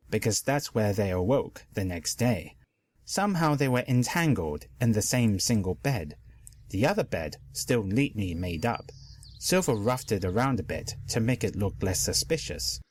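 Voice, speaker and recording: Lively male storybook narrator. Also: lowish voice, moderate pace. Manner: expressive storytelling. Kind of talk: dramatic fanfic reading.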